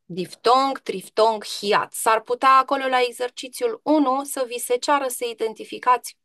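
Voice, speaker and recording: A woman teacher leads an online grammar lesson, patiently asking pupils questions and stretching out example words. Her voice is bright and slightly high. The sound is dry and close, with no room around it. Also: no room sound.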